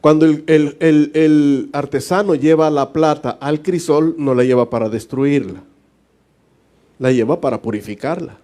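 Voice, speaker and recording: Speaking a little slowly in a warm, fairly high voice, a Salvadoran pastor holds a casual Bible study with a Salvadoran Spanish accent. He jokes in everyday language, often laughs softly and plays out small dialogues.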